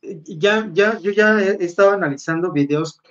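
An easygoing, chatty man co-hosts a gossip show. His voice sits a little high. The recording sounds dull and lo-fi. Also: moderate pace, a bit bright. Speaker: show co-host. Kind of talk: casual gossip chat.

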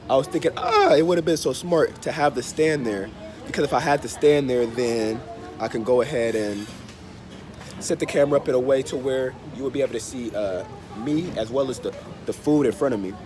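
A man in his thirties with a congested, stuffy nose, under the weather, chatting casually to his phone as a travel vlogger, unhurried and repeating phrases. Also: mid-range voice, over music. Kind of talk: casual chat to camera. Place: open-fronted hostel bar or cafe. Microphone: phone held at arm's length. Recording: noisy open-air cafe with traffic. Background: street and vehicle ambience.

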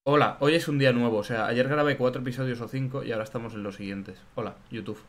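A man giving chatty, excitable let's play commentary and greeting his chat. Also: mid-range voice, fast talker. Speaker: gaming streamer.

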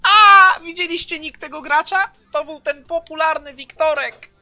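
A man in his twenties streaming a game live, loud and excitable, swearing and throwing in English phrases, on a headset in a small room. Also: extremely high pitch, normal speed, faint music behind. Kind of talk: live gameplay commentary.

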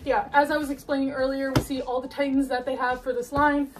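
A woman's voice: sits high, little pitch movement, brisk, distant mic, background noise. A young woman casually chatting through an unboxing, gushing and laughing, a bit out of breath as she struggles with the box. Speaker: collectibles unboxing vlogger.

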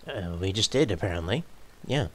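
A man's voice: on the low side, lively intonation, moderate pace, heavy background noise. A man giving laid-back let's-play commentary, muttering item names and making dry asides. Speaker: gameplay commentator.

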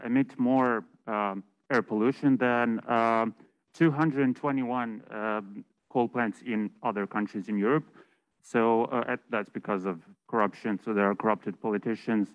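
A man's voice: mid-range voice, smooth, muffled recording. A man from Serbia, an audience member, asking a question at a panel with frequent fillers. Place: meeting room with audience.

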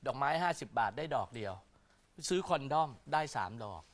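A man's voice: medium pitch, expressive, fairly quick. A man giving weekly horoscopes on a chat show in a joking, teasing way. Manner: joking, teasing, chants spells. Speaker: astrologer guest.

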